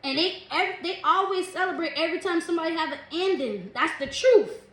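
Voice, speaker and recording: High-voiced chatty woman tarot reader. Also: expressive, a little fast. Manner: chatty, calls listeners "collective" and "baby", laughs often. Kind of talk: casual tarot reading. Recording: echoey room, faint noise.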